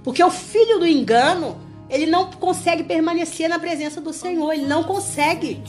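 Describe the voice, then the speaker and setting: A woman's voice: very high-pitched, fairly quick, soft background music. A woman leading a small Bible study group, preaching in an earnest, emphatic way and often calling her listeners "gente". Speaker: women's Bible study leader.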